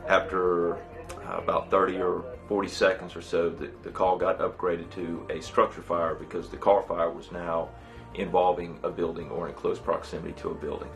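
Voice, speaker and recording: Gravelly low man, middle-aged, monotone, halting matter-of-fact interview, faint music behind. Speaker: fire battalion chief. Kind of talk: documentary interview recollection. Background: background music.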